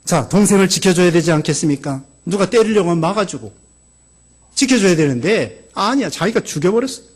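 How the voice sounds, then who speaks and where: A man preaching a sermon as pastor of a church, emphatic, stacking verbs in long lists and swinging between urgent high emphasis and quiet low asides. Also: animated, a little fast, husky. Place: church sanctuary.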